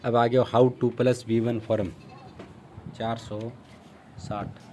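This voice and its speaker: A man with an Indian accent teaching spoken English. He reads a Hindi sentence quickly, then gives the English translation slowly and deliberately. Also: medium pitch, level tone, mellow, slight background noise.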